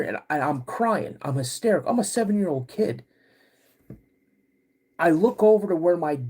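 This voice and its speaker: A man hosting a podcast, recounting a personal story in a halting, repetitive, suspenseful way. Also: medium pitch, darkish tone. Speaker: podcast host.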